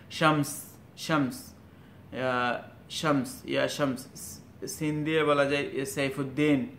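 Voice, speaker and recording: A man giving a spoken lesson on letter sounds, halting and full of fillers, sounding each letter out slowly and loudly. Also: gravelly. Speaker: Arabic teacher. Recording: echoey room with faint rumble.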